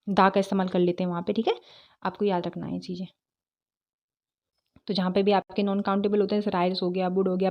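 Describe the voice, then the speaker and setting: A woman's voice: medium pitch, dull audio. A woman teaching English grammar, explaining step by step, asking rhetorical questions and checking in with "theek hai".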